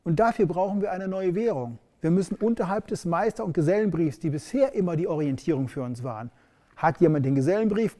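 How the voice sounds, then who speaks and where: Measured middle-aged male expert explainer. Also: sits high, dark tone. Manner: measured, explanatory, stressing key words. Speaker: education expert presenting. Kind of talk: explanatory piece to camera.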